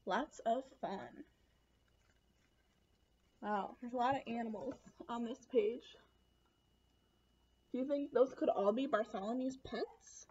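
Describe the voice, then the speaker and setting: Through a dull, lo-fi webcam in a small home room, a young woman reads a picture book aloud to kids, expressive and full of questions and asides. Her voice leans high, warm, and husky, and she goes slowly, with long pauses.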